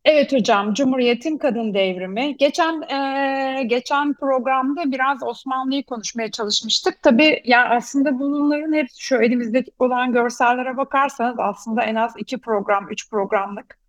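A woman hosting a talk programme, presenting and explaining, pausing now and then to find her words. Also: sits high, no room sound, poor audio. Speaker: host. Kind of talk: semi-scripted programme presenting.

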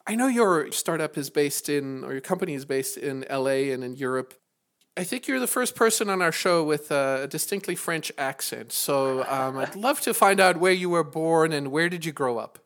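A man's voice: fairly high pitch, expressive, moderate pace, a bit bright. Upbeat male podcast host. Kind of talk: podcast interview.

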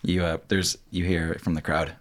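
A man's voice: low voice, little pitch movement, normal speed. A man narrating an improvised tabletop game as game master, in a playful way. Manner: playful, giggly.

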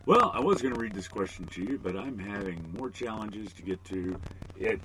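A man's voice: fairly low pitch, lively intonation, normal speed, fairly bright tone, poor audio. A middle-aged man hosting a podcast alone, rambling with joking, self-deprecating asides. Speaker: podcast host. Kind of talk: casual solo podcast monologue.

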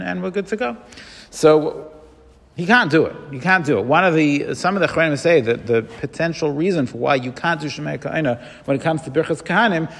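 A man's voice: mid-range voice, vocal fry, big-room sound. A man giving a casual halachic lecture, explaining step by step with ums and restarts. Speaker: Torah teacher.

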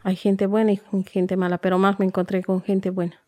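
A woman, recalling her life in a soft, reflective, halting way. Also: medium pitch, level tone. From Bolivia. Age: 40s. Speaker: interviewee. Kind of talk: personal storytelling interview.

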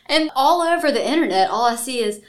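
A woman's voice: high voice, animated, brisk. Playful woman from Mississippi co-hosting. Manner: playful, laughs often. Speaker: podcast co-host. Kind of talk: casual chat over drinks.

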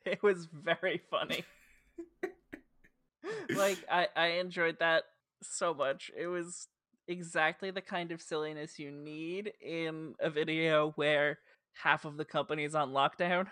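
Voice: medium pitch, steady tone, a little slow, bright, forceful tone, no echo, clean studio sound. A podcast co-host with a New Jersey accent, chatting casually and retelling scenes with lots of "like" fillers. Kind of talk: casual chat recapping a show.

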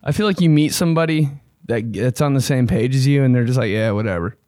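A man's voice: medium pitch, quick pace, darkish tone, no room sound, studio quality. A man chatting casually and comically as a host giving advice, talking like a slangy, profane, blunt frat bro. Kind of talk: casual comedic chat.

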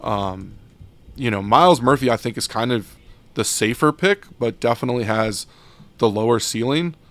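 A man's voice: mid-range voice, normal speed, a bit bright. A man co-hosting a sports podcast, talking casually and loosely with many fillers and restarts. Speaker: podcast co-host.

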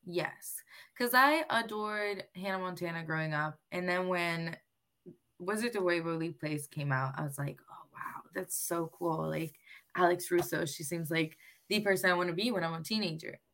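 Young puerto rican woman on a podcast, bubbly, lowish voice, bright tone. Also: moderate pace. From Puerto Rico. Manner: bubbly, laughs easily. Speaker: podcast guest. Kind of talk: casual podcast interview.

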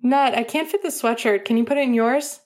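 A woman's voice: on the high side, a little fast, a little mellow, voice pushed up, lightly acted. A woman voicing a playful young male hockey player in a bouncy, teasing way in an audiobook.

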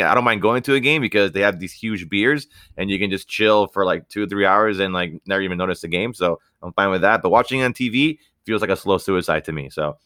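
A man's voice: deep voice, pushed and bright, no echo, studio quality. A young man hosting a casual podcast chat in a joking, laid-back way. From United States. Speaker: podcast host.

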